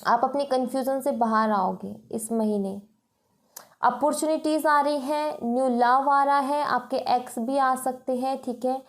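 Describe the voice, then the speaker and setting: A woman's voice: high-pitched, steady tone, measured pace. A woman giving a reassuring tarot reading, mixing English phrases into her talk. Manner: mixes English phrases into Hindi, says "you know" and "thik hai" often; reassuring, advising. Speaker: tarot reader.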